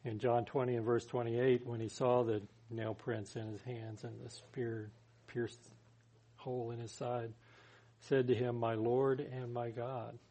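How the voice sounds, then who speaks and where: A man's voice: mid-range voice, little pitch movement, unhurried, warm tone. A man preaching a sermon as a pastor, talking in a conversational way and putting scripture into plain everyday words.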